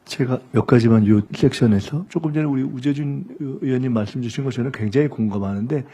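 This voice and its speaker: Gravelly, mellow-voiced man. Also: medium pitch. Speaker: government official. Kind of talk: formal meeting remarks.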